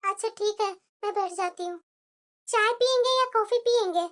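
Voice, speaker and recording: A woman's voice: extremely high pitch, normal speed, fairly bright tone. A woman voicing a meek, naive young village bride in a cartoon, speaking in a polite, puzzled way. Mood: sweet. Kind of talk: cartoon voice acting.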